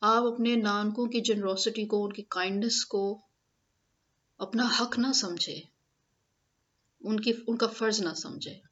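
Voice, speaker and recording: A woman's voice: medium pitch, fairly even intonation, rapid-fire, long pauses, fairly bright tone, muffled recording. A woman giving an opinionated monologue in a blunt, emphatic, scolding manner. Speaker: speaker giving family advice. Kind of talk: opinionated monologue, switching between languages.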